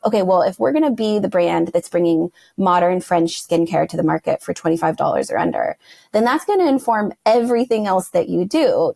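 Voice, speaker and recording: A young woman speaks as a podcast guest in an easy, chatty way, leaning on fillers. Her voice carries a gravelly fry, and the sound is close and dry, with no room around it. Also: fairly low pitch, darkish tone, no echo. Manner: chatty, fillers like "like" and "you know". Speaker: guest, verbal identity strategist. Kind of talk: casual podcast interview.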